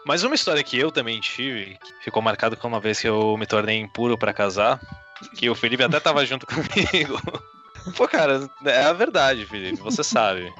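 Brazilian man, podcast co-host, animated self-mocking storyteller, slightly muffled sound with soft music. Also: mid-range voice, a little fast. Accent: Brazilian Portuguese. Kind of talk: casual storytelling chat.

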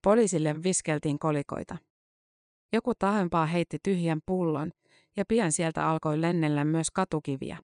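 A narrator giving a scripted reading of a long-form news article, with an even, measured delivery of dates and figures. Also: medium pitch, no room sound, clean studio sound.

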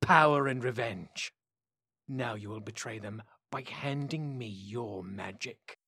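A man voicing a cruel, scheming male villain in an audiobook, taunting slowly and menacingly. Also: medium pitch, sharp tone, breathy edge, dry recording, clean studio sound, exaggerated voice. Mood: mocking menace. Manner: taunting, slow and menacing, sometimes whispering. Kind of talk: audiobook character voice.

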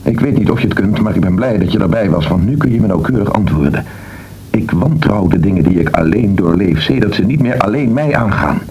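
A man's voice: lowish voice, expressive, a little fast, dark tone, slight background noise, rough recording. An actor playing a defiant man who doubts the fixed hour of death, with an intense, probing manner, in a radio drama.

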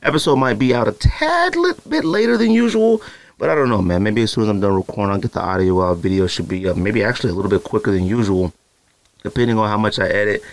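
This thirty-something host runs a one-man sneaker podcast out of his home studio, speaking fast in a lowish, gravelly, animated voice. He addresses his audience directly and casually, full of teasing hype and filler words.

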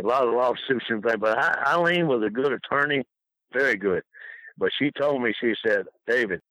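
Older man, forceful bright tone, close dry sound, folksy rambling raconteur. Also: fairly low pitch, dry recording, lo-fi sound. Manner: folksy, colloquial storytelling. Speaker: interview guest telling career stories. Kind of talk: rambling anecdotal casual talk.

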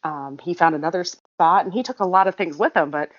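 A woman's voice: lowish voice, brisk, lo-fi sound. A woman co-hosting a casual chat, telling long rambling stories and laughing often.

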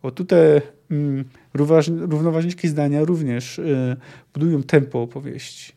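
Man, book podcast host, expressive reading, casual asides, mellow tone, slightly raised pitch. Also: moderate pace. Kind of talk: reading a novel aloud with commentary.

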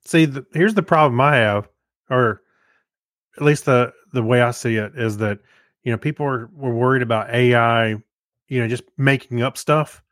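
A man's voice: mid-range voice, moderate pace, a bit bright, no echo, studio quality. A man co-hosting a podcast, chatting casually and explaining things in an amused, conversational way. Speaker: podcast co-host. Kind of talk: casual chat.

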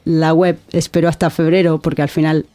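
A woman's voice: sits low, level tone, a little fast, dark tone. A woman from Argentina with an Argentine accent, a guest content creator talking earnestly in a casual interview, often restarting words and adding "¿no?". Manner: earnest, reflective, frequent restarts and filler "¿no?".

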